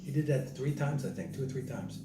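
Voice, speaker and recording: A man recounts a story in lively, casual speech, often repeating phrases and slipping into the voices of the people he describes. He sits some way from the microphone in a roomy, echoing space, with steady background noise throughout. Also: mid-range voice, fairly quick. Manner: animated, repeats himself, acts out other people's words. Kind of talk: casual spoken travel story. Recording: roomy, distant mic, noisy background.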